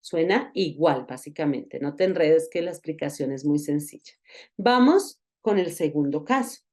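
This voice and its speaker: A woman giving a recorded online lesson, explaining patiently and repeating example words slowly. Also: low voice, animated, darkish tone. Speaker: English teacher.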